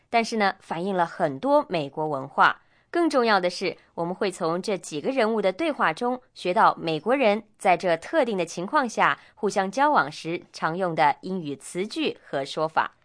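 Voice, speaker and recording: A woman's voice: mid-range voice, sing-song, normal speed. A woman co-hosting a scripted radio English lesson, explaining in a chatty way. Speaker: language lesson co-host.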